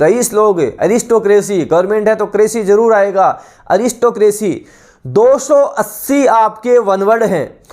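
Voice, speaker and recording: A teacher giving an exam-prep vocabulary lesson, reading each English definition out slowly, then repeating the answer word again and again with explanations. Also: medium pitch, darkish tone. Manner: explains in Hindi mixed with English terms.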